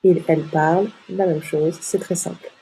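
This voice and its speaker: A woman teaching a French lesson, repeating words slowly and distinctly to model their pronunciation. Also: lowish voice, steady tone, gravelly, warm tone, faint music behind, rough recording. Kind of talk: slow, clearly articulated lesson for learners.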